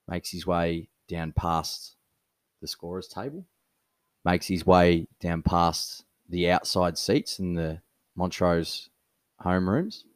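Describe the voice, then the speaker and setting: A low-pitched Australian man tells stories as a podcast co-host, keeping the chat casual and animated with plenty of laughter. No echo is audible.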